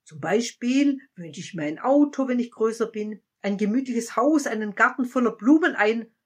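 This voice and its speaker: A woman voicing an eager, curious young child in a spoken story, raising her voice high and rattling off lists with excitement. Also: slow, breathy edge, full character voice. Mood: excited.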